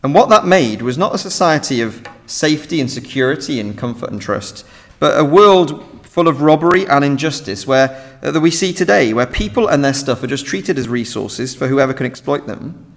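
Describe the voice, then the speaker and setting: A man's voice: medium pitch, lively intonation, moderate pace. A young British man preaching an earnest, emphatic sermon from a lectern in a large church hall. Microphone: standing at a lectern, lectern mic. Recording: reverberant hall.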